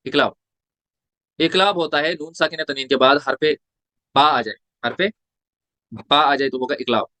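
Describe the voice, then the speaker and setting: A man's voice: fairly high pitch, normal speed, pauses often, pushed and bright, no room sound. A man teaching a tajweed lesson, spelling out letters and vowel marks one by one and asking and answering his own questions. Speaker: Quran recitation teacher.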